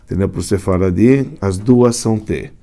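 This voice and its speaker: A man's voice: deep voice, normal speed, warm tone. A man, a rabbi teaching Hebrew letters in a class, explaining step by step and often asking if students follow. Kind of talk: classroom lecture.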